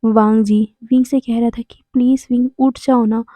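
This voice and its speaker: A woman's voice: fairly high pitch, steady tone, normal speed, dark tone, no echo, close to an everyday voice. Woman voicing a pleading lovesick young man. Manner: pleading, repeats a name over and over. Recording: dull lo-fi, dry sound.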